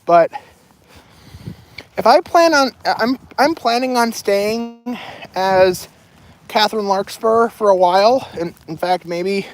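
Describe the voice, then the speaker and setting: Out on a walk with a heavy backpack, this young adult woman talks loosely to her livestream audience, drifting between subjects. She has a medium-pitched voice, takes things slowly, and leaves long gaps between thoughts.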